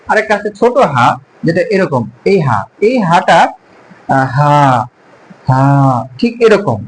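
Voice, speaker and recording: High-voiced man teaching pronunciation slowly. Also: slight background noise, low-quality recording. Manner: slow, careful, drawn-out syllables when modelling sounds. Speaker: Arabic teacher. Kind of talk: pronunciation lesson.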